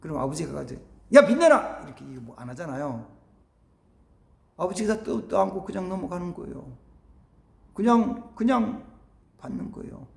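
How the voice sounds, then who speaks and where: A man preaching a sermon as pastor, animated, acting out family dialogues and dropping to near-whispers for emphasis. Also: a little high, normal speed, gravelly, pauses often, roomy sound. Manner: animated, acts out family dialogues in shifting voices. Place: church sanctuary.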